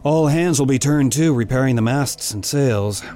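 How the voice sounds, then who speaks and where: A man's voice: mid-range voice, normal speed, warm tone, close to an everyday voice. A man playing a hesitant, politely formal ship's doctor with dry wit in a period sea drama. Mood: mild, doubtful. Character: genteel, bookish ship's doctor, mild landlubber. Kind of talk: period maritime audio drama acting.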